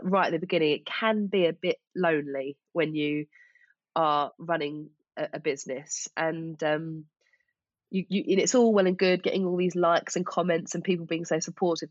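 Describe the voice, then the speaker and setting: A woman's voice: low voice, fairly even intonation, normal speed, dry recording, dull audio. A woman with an Essex accent speaking as an interview guest in a chatty, informal, self-deprecating way. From Essex, England. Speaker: podcast guest, small business owner. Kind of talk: casual interview chat.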